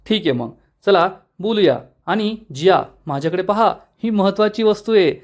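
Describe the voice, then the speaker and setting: A man's voice: high voice, animated, moderate pace. A man voicing a playful lovestruck young husband in a spoken serial recap, with a cheeky manner.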